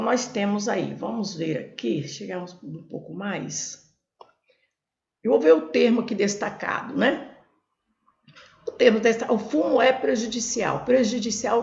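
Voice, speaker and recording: A woman tutoring for Portuguese exams, going through questions slowly and repeating each syllable type for her students. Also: fairly high pitch, gravelly. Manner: repetitive, spells out syllables, addresses students as gente. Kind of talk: explaining exam questions. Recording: echoey room, dull lo-fi sound.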